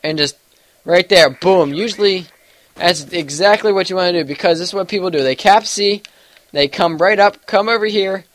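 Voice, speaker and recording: Congested and sniffly from allergies, a young man who makes gaming videos on YouTube rambles through casual gameplay commentary with plenty of fillers and hedges. His voice sits high with a fairly bright tone, normal speed, and no echo.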